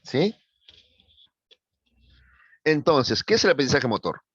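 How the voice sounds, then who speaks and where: A male teacher with a Peruvian Spanish accent lectures his class step by step, often checking that students are following. His mid-range voice is sing-song, slow, fairly bright and breathy, in a dull recording with no room sound.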